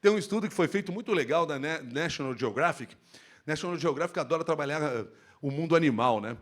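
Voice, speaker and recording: A man speaking on stage at a workplace safety event, giving an expressive live lecture into a handheld microphone. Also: fairly high pitch, quick pace. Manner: animated, expressive, shifts tone to demonstrate.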